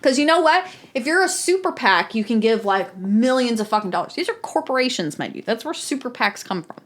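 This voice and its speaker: A woman's voice: on the high side, sing-song, brisk. Heated, profane woman ranting. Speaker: podcast co-host. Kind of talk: casual chat.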